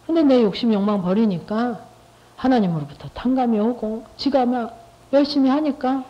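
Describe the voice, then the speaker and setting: A woman's voice: a little high, moderate pace. Middle-aged woman testifying, dull lo-fi. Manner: conversational, repetitive, with rhetorical questions to listeners. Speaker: lay church speaker giving testimony. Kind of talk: testimony talk to a church group. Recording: dull lo-fi recording.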